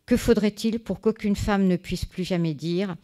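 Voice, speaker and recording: A woman giving a conference talk, reading a prepared text in a measured way, with small fillers and restarts. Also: mid-range voice, dark tone. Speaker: conference speaker. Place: conference hall.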